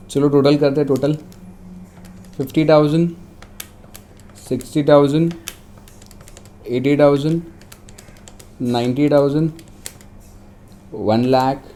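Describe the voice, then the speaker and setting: Slow, higher-voiced Indian tutor dictating. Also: male voice, mellow. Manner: brisk, repeats figures slowly for dictation; mixes Hindi and English. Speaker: commerce tutor. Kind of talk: online tax lesson, dictating questions.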